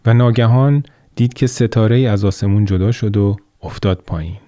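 A man narrating a children's tale in an expressive, measured storytelling manner. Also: lowish voice, no room sound, clean studio sound.

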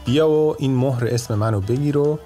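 A man doing a shrewd, calm old judge. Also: mid-range voice, faint music behind, voice pushed up, lightly acted.

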